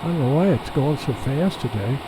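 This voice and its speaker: A man's voice: medium pitch, brisk. Folksy man on a pilot's cockpit headset. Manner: relaxed, folksy, thinking aloud. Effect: pilot cockpit headset sound. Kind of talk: casual running commentary while flying. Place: aircraft cockpit in flight. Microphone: pilot's cockpit headset mic. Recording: headset mic over steady cockpit engine noise.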